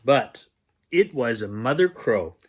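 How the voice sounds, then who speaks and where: Reading a children's picture book slowly at bedtime, a man with a husky voice lets his pitch range freely, giving the story an expressive, playful shape. He performs the sounds and dialogue and adds playful asides along the way.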